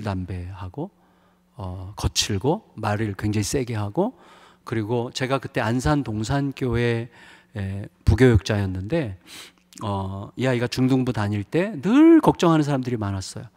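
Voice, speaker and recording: A man's voice: mid-range voice, a little mellow. Middle-aged male pastor, emotional confessional sermon delivery, mid-range voice, long hall reverb. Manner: confessional, emotional storytelling with many fillers. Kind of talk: revival sermon. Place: church sanctuary.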